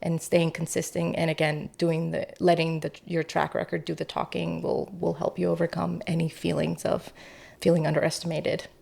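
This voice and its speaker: Creaky, low-pitched woman in interview. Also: flat delivery, normal speed, darkish tone. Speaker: real estate agent being interviewed. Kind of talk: conversational interview.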